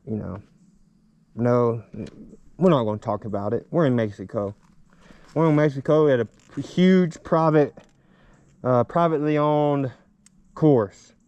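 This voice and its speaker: Man, muffled inside a helmet, rambling upbeat vlog chat, mellow tone, clean voice. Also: medium pitch, no room sound. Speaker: motovlogger. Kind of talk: casual riding vlog. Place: outdoors riding a small dirt bike. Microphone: chest-mounted action camera.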